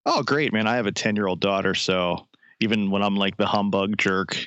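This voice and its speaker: A man's voice: lowish voice, fairly even intonation, moderate pace, a bit bright, no echo, muffled recording. A forty-year-old man, a musician being interviewed, friendly and rambling, full of likes and restarts. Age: 40s. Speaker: musician guest. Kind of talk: casual interview. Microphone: phone line.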